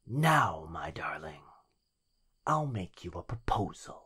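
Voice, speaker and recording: This low-pitched male voice gives an exaggerated, sing-song, bright, and forceful performance as a sinister living shadow in a yandere ASMR roleplay. He drawls slowly, very breathy and husky and frequently sinking to a whisper, with possessive, mocking tenderness and a predatory edge. He comes across smug and menacing.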